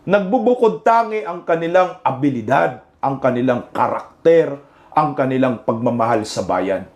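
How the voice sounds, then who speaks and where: A Filipino man doing laughing, mocking reaction commentary over protest footage, jeering and shouting exclamations. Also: medium pitch, animated, normal speed. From Philippines.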